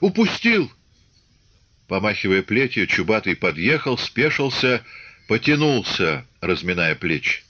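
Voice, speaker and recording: A man reading a novel aloud as an audiobook narrator, in a measured, even literary style, in a dull lo-fi recording. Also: low-pitched, dry recording. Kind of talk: scripted narration.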